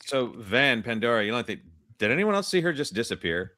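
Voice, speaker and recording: A man's voice: mid-range voice, sing-song, brisk, crowd noise. A man playing a tabletop game in character, bantering and firing off questions. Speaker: player.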